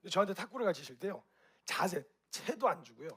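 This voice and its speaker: A man with a husky, slightly raised voice speaks quickly to an audience. He keeps it animated, asks them direct questions and acts out reactions with sound effects. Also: high-pitched. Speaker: speaker at a group gathering. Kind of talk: lively spoken talk to an audience.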